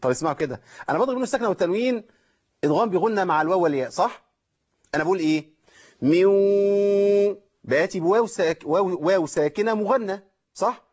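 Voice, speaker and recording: Brisk Egyptian sheikh teaching recitation. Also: male voice, sits high, animated, slightly rough, lo-fi sound. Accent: Egyptian Arabic. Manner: explains step by step, checks in with listeners. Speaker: Quran recitation teacher and host. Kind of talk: call-in tajweed lesson.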